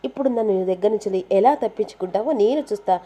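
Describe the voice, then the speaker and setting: A woman voicing a playful young wife who teases her husband, in a mellow, warm voice. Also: medium pitch, fast, natural voice. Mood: teasing.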